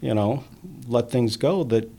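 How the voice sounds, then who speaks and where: A man, a police officer, talking earnestly in an interview, with many pauses and fillers. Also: medium pitch, creaky, warm tone. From immigrant, grew up in the US. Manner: earnest, halting, many "you know" fillers. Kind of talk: conversational interview.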